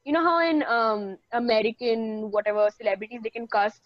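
A young woman in casual chat as a co-host, animated and filling her talk with "like". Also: on the high side, brisk, no echo, lo-fi sound. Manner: animated, says "like" a lot.

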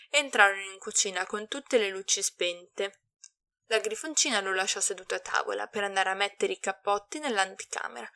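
A woman narrates a story aloud in a steady, even reading voice with a mid-range pitch. The recording is dry and close, with no room sound around her. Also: no room sound. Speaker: fan fiction reader.

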